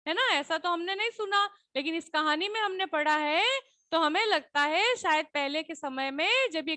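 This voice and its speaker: High, bright-voiced woman teacher explaining a lesson. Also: dry recording. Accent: Hindi. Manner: patient, repeats questions, frequent "है ना?" tag checks. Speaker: school teacher. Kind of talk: explaining a Hindi textbook lesson to children.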